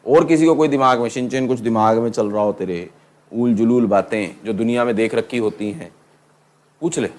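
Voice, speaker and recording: A middle-aged man teaching law to a class, lively and teasing, calling his students "beta" and asking them questions. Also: medium pitch. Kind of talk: classroom lecture.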